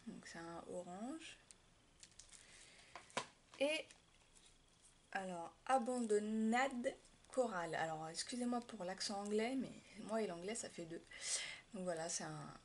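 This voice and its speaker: Chatty woman with a faint hiss behind. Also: mid-range voice. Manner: chatty, hesitant, many fillers and restarts. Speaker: craft YouTuber showing a shopping haul. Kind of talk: casual haul vlog.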